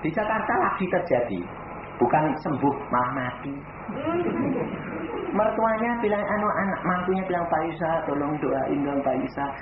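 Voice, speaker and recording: Older preacher, high animated voice, lo-fi phone-like sound with echo and hiss. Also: male voice, normal speed. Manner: swings from low quiet asides to loud emphatic preaching. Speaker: evangelist preacher. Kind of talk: sermon with anecdotes. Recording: echoey, tinny phone-like, noisy recording.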